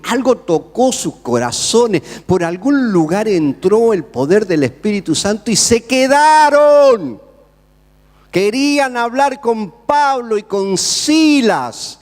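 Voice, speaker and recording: A man with an Argentine Spanish accent, a pastor preaching a sermon with dramatic swings between loud calls and quiet asides. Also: very high voice, long reverb tail. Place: large church hall.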